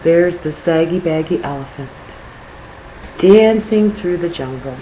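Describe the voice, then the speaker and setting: A woman's voice: on the low side, lively intonation, unhurried, warm tone, slight background noise, low-quality recording. An older woman, a grandmother, reading a picture book aloud to a child expressively, with chatty asides.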